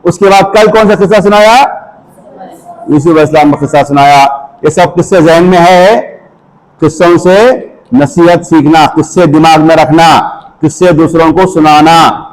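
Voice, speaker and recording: A man teaching children Islamic manners, speaking slowly and repetitively, asking questions and repeating phrases for them. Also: fairly high pitch, steady tone, rough recording. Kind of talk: slow, repetitive instructional talk.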